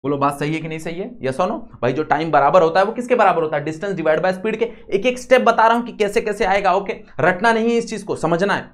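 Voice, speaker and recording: A young man with an Indian accent giving a physics lesson, going slowly step by step and often asking the class yes or no. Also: high-pitched. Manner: repeats steps, quizzes students often. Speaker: physics teacher. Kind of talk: classroom lecture.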